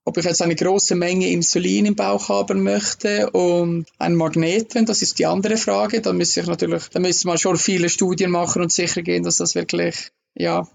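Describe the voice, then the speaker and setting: A man, a guest in a casual interview, explaining slowly with many fillers. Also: sits high, flat delivery, gravelly.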